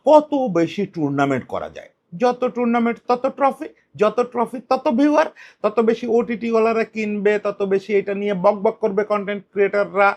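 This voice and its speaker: Male football commentator, solo talk, high voice, very expressive, argumentative. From Bengal. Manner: animated, rhetorical questions, shifts pitch for emphasis.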